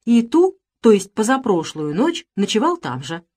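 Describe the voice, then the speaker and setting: A woman voicing a calm, insolent male valet who speaks in an unruffled, sneering way. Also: mid-range voice, moderate pace. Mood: mocking.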